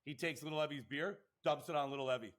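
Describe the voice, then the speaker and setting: Excitable man telling stories. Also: a little high, fast. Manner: rambling, excitable, swears, acts out quotes. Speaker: podcast co-host and lacrosse coach. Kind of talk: animated storytelling.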